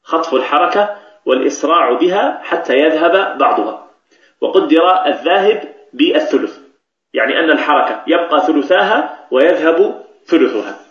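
A man's voice: a little high, lively intonation, normal speed, a bit bright. A man teaching Quran recitation rules, explaining patiently and repeating key phrases. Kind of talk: tajweed lesson with recited examples. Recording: echoey, dull lo-fi recording.

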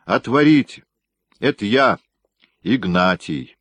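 A man's voice: lowish voice, big pitch swings, a little slow, no room sound, exaggerated voice. A man voicing Ignatiy, a sturdy, devoted young guardsman speaking eagerly in a storybook reading.

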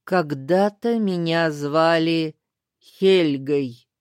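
A woman voicing a hoarse, sinister blind old hag. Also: sits low, a little mellow, no echo, studio quality. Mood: menacing. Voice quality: hoarse and hissing. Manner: slow, drawn-out and menacing.

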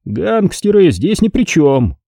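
A man voicing a middle-aged police inspector in an audiobook, in a tense, clipped, higher voice. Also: big pitch swings, slow, vocal fry, mellow, no room sound, studio quality, heavily acted. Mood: grim.

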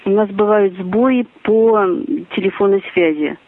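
A woman's voice: mid-range voice, measured pace. A woman's voice sounding like a glitchy robotic call, repeating the same canned phrases over and over whatever the reply. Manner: repeats the same stock lines regardless of replies. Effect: canned looping phrases played over a call, glitchy and robotic. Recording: tinny phone line.

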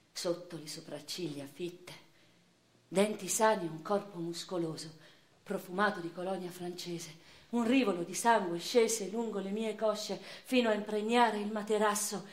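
Speaking at a medium pitch and only lightly acting, an actress voices an eighteenth-century noblewoman, educated, passionate and wounded, recounting her life in a theatrical radio monologue. Her measured, intense delivery moves from hushed tones to impassioned ones, set against a roomy echo and soft background music.

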